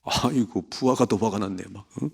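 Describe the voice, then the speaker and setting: A man, a pastor from South Korea, giving an early morning prayer sermon, reading scripture and acting out the story's voices in an animated way. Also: fairly low pitch, moderate pace, vocal fry, husky.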